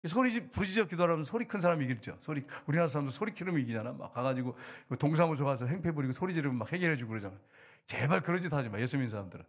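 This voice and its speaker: A middle-aged man preaches a sermon in a husky, somewhat high voice. He swings between loud outbursts and hushed, intimate asides, speaking as the pastor of his congregation. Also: lively intonation, racing.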